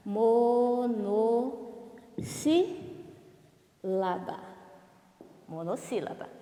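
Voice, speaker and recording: Slow, lilting woman teacher. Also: a little high. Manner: slow, drawn-out syllables, asks questions and answers them. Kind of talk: remote televised class lesson. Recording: echoey room with long reverb.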